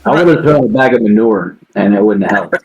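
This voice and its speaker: A man's voice: lowish voice, expressive, brisk, a little mellow, breathy edge, highs cut off. A man chatting casually as a player in a tabletop game stream, joking and laughing often. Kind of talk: casual chat between players.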